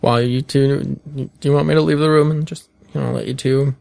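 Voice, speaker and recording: Podcast host, male, gravelly, slightly high voice, teasing, dry close-mic sound. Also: steady tone, fairly quick, a little mellow, no room sound. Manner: teasing, steers the topic. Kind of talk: casual chat.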